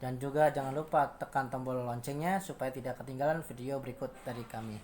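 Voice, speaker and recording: A man teaching Quran recitation, patiently repeating each point and chanting examples in long drawn-out tones. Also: mid-range voice, steady tone, a little mellow, a little hiss or hum. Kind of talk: slow instructional explanation with chanted examples.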